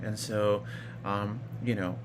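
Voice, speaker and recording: A vlogger from Iraq in his thirties casually tells his personal story, rambling with lots of fillers and restarts. He speaks slowly in a lowish, steady voice, with background noise behind him.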